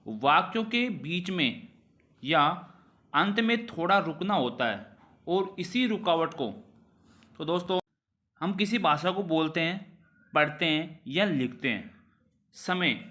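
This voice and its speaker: A man teaching a grammar revision lesson, repeating phrases and asking rhetorical questions, his pitch falling at the ends of sentences. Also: lively intonation, slow pace, long pauses, bright, forceful tone.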